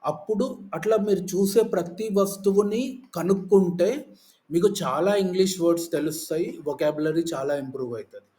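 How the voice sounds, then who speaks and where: Male teacher, casual, slightly high voice, lists and everyday examples. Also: normal speed, warm tone. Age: adult. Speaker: English teacher. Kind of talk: casual Telugu lesson.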